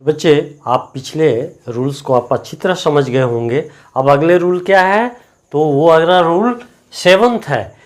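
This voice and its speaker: Slow, deliberate Hindi-accented teacher. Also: male voice, a little high, faint music behind. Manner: slow, deliberate, repeats words to drill them. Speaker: English teacher. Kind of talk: classroom grammar lesson.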